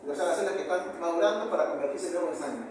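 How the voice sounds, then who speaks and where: A Peruvian histology professor with a high male voice lectures at a university very fast, in Peruvian Spanish. He repeats key terms and poses rhetorical questions to the class. The audio is noisy and very echoey, taken far from the mic.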